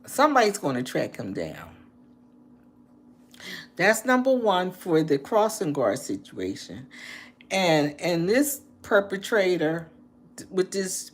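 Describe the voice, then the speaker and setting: A woman in her late sixties chatting casually with live-stream viewers, earnest and heartfelt, repeating phrases for emphasis. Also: mid-range voice. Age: 60s. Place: indoors, apartment.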